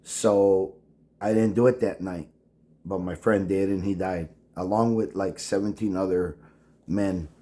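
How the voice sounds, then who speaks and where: A man, speaking in a halting personal monologue full of restarts. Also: sits low, steady tone, warm tone. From El Paso, Texas. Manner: halting, with many restarts and fillers. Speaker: veteran vlogger.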